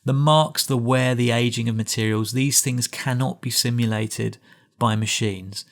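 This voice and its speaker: A man's voice: mid-range voice, fairly even intonation, a little slow. A middle-aged man giving a reflective lecture, often restarting phrases and adding asides. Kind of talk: recorded lecture.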